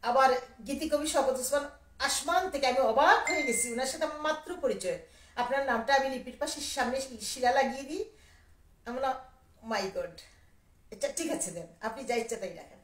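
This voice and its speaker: A woman from Sylhet, a poet and writer, reminiscing in a rambling, animated way and quoting others in dialogue during a live video. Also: high voice, normal speed. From Sylhet, Bangladesh. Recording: echoey room, voice a little far from the mic.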